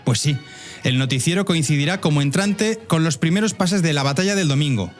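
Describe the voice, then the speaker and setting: A man with a Spanish accent narrates a scripted story at a brisk clip over faint music. He is wry and speaks straight to the listener like a podcast host. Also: fairly high pitch. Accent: Spain. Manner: wry, addresses listeners directly. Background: faint music bed.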